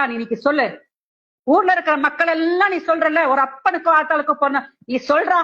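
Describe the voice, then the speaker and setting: A woman's voice: sits high, a bit bright, highs cut off. A woman giving an interview, speaking in an angry, accusing and confrontational way. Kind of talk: heated interview statement.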